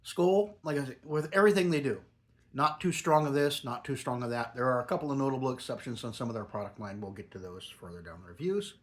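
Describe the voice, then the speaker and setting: Man, middle-aged or older, mid-pitched, lip packed with dip, casual, rambling reviewer chat. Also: animated, fast talker. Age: middle-aged or older, a grandfather. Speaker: product reviewer.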